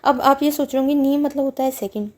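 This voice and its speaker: A woman's voice: sits high, fast talker. A woman teaching a Japanese lesson, patiently reading words and explaining each one with repetition and translation.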